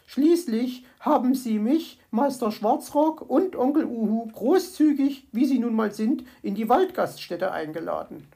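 A woman voicing a bossy, motherly female magpie nurse who talks in a brisk, self-satisfied way. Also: a little high, lively intonation, creaky, dark tone, voice pushed up. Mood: fussing.

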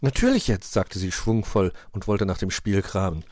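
A man calmly reading a storybook aloud as narrator. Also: low voice, moderate pace, no echo, studio quality.

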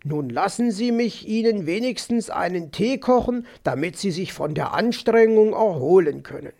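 A man's voice: sits high, expressive, moderate pace, vocal fry, darkish tone. A man voicing a smug, overly solicitous male fox who talks in a soothing, patronizing way. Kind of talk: audiobook character voice.

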